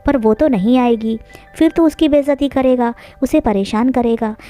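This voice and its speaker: A woman's voice: on the high side, normal speed, mellow, faint music behind, lightly acted. A woman voicing a stern, short-tempered village father who talks bluntly. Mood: firm. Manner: scolding, blunt.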